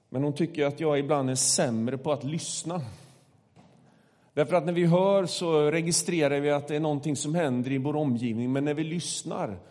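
Male preacher, calm measured sermon, mellow voice, long church reverb. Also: a little high.

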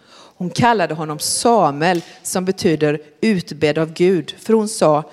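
A woman telling a Bible story to children in a large hall, often asking them questions. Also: fairly low pitch. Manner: animated, questioning the listeners.

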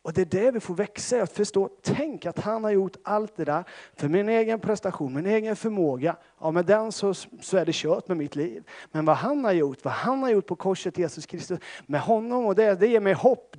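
A man's voice: sits high, animated, darkish tone. A Swedish man from Småland preaching a sermon as a pentecostal pastor, telling stories with self-deprecating humor and many fillers. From Sävsjö, Småland, Sweden.

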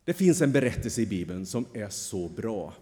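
Male pastor, animated sermon, lots of pitch movement, echoing church sanctuary. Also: husky. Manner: animated, acts out the story's voices. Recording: long church reverb.

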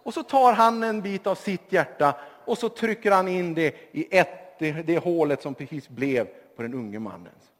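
Male preacher, high and very animated storyteller, reverberant church hall. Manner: lively storytelling, addressing the congregation. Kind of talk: sermon.

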